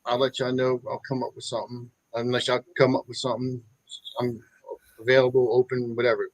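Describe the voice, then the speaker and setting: A man's voice: mid-range voice, monotone, a little fast, no echo, rough recording. Guy hosting a chat show, plain mid voice, sticks to his point, dry mic. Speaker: podcast host. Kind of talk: casual show wrap-up chat.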